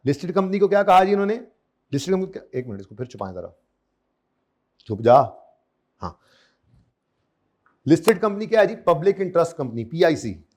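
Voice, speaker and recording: Teaching accounting, this man repeats the key terms again and again and keeps asking his students questions. He speaks a little high, with a slightly mellow tone.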